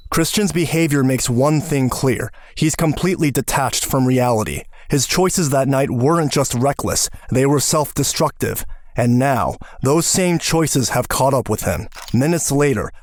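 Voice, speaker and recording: A man reading scripted true-crime narration in a measured, dramatic way. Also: medium pitch, dry recording.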